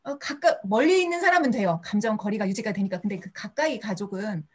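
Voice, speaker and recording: A woman from the audience earnestly explains her difficulty in halting, word-searching speech. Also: medium pitch, animated, husky. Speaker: audience member asking a question. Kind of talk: question-and-answer talk.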